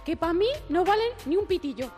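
Woman playing a sharp-tongued rap champion. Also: extremely high pitch, lively intonation, brisk, faint music behind. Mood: mocking. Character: cutting rap-battle champion, quick with comebacks. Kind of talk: comic radio sketch.

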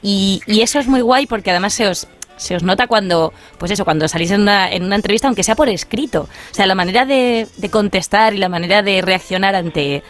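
A woman's voice: medium pitch, fairly quick, faint music behind. Chatty woman contributor on radio. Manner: chatty and affectionate. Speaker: show contributor. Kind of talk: radio interview chat.

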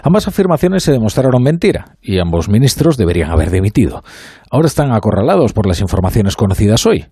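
A radio host from Spain delivering a measured, ironic opinion monologue in a studio, with faint music underneath. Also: male voice, on the low side, very animated, mellow, breathy edge.

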